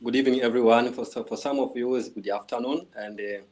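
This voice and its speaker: A man's voice: mid-range voice, steady tone, fast talker, darkish tone. Formal man from Tanzania on a call. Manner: formal, with frequent restarts. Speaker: guest, organization vice president. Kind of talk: formal presentation on a video call. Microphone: video call.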